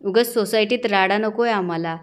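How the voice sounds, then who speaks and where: A woman's voice: medium pitch, normal speed, lightly acted. A haughty young woman answers back coldly and threatens her rivals, as a woman reads her lines. She is rude and dismissive.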